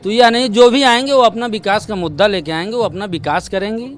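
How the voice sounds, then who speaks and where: Man on the street giving his take, high voice, calm and measured. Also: crowd noise. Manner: measured, then irritated. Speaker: local man interviewed. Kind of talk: street vox pop. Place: roadside outdoors.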